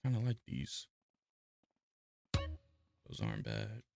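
Young male gaming creator, very low gravelly voice, laid-back slangy commentary. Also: slow pace, no echo, soft background music. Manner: relaxed, slangy, laughs at the game. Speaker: gaming youtuber. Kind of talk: casual gameplay commentary.

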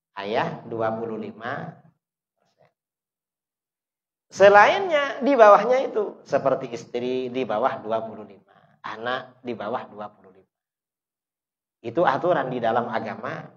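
A man preaching a sermon, asking the listeners questions and answering them himself, with emphatic bursts that rise sharply and then drop low. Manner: emphatic, rises sharply to stress points then drops low. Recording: dull lo-fi recording.

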